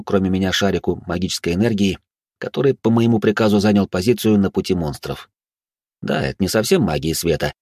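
Man, audiobook narrator, husky voice, fairly low, first-person fantasy story, wry asides. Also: a little mellow, no room sound, clean studio sound.

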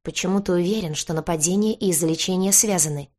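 A woman's voice: lowish voice, quick pace, mellow, lightly acted. A woman reading the part of a cruel young male knight, who questions in a curt, cold, stern manner. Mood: cold interrogation.

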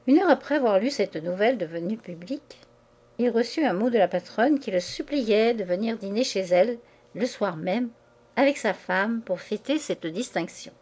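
A woman reads a classic novel aloud at a measured, even pace. Her voice sits in a middle register. The delivery stays steady and composed. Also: mid-range voice, breathy edge. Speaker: audiobook reader. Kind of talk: audiobook narration.

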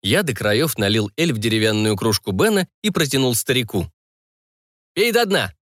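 A man narrating a fantasy audiobook in an expressive storytelling manner. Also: lowish voice, a little fast, no echo, studio quality.

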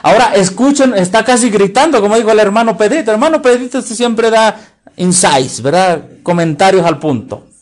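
Preaching with lively intonation in a high-pitched voice, this man has a Mexican Spanish accent. He keeps asking his congregation the same questions again and stretches important words out to stress them emphatically.

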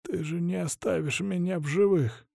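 A man's voice: moderate pace, creaky, darkish tone, husky, no room sound, studio quality, full character voice. Man voicing a wheezing, panicky poisoned boss. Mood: choking. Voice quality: wheezy, strained, choked. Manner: panicky and pleading, higher than the narrator. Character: wheezing frightened middle-aged male boss, poisoned. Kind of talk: audiobook character reading.

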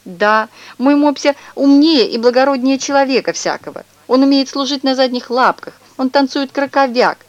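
A woman voicing a fussy, high-strung middle-aged neighbor who fusses over her dog, in a shrill, squealing voice, for an audiobook. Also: normal speed, few pauses, no echo, muffled recording, close to an everyday voice. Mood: indignant. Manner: indignant, high-strung, scolding. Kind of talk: audiobook character reading.

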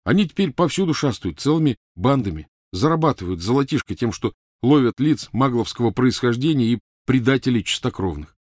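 Man putting on teenage boy wizard, higher voice, loud, defensive, clumsy jokes, dry sound. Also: animated, a little fast, few pauses, no echo, lightly acted. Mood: explaining. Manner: loud, pleading, clumsy joking.

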